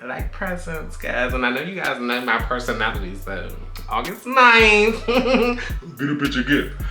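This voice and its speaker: A man's voice: mid-range voice, very animated, measured pace, pushed and bright. A man in his thirties, a YouTube co-host chatting casually in a sassy, playful, dramatic way. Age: 30s. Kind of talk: casual chat. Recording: echoey room with faint music.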